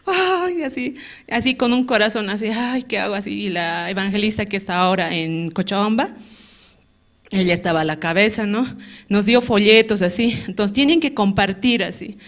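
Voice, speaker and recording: A woman from Bolivia giving a conversational testimony at a Sunday church service, with many little tag questions, pausing to search for Bible verses aloud. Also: medium pitch, lively intonation.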